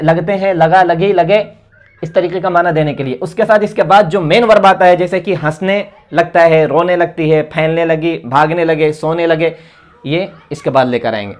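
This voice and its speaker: A man from India teaching English grammar, slowly reading out English example sentences and translating each one, then giving encouraging advice. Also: high-pitched. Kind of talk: spoken grammar lesson.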